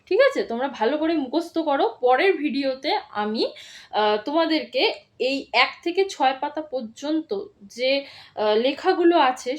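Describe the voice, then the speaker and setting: A woman teacher giving a children's reading lesson, patiently spelling words out syllable by syllable. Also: high voice. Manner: slow syllable-by-syllable spelling drills, instructive and patient.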